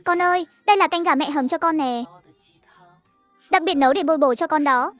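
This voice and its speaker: A woman's voice: high-pitched, a little fast, a bit bright, no room sound. A woman voicing a scheming middle-aged adoptive mother who scolds and nags, over faint music. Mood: coaxing. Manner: scolding, nagging.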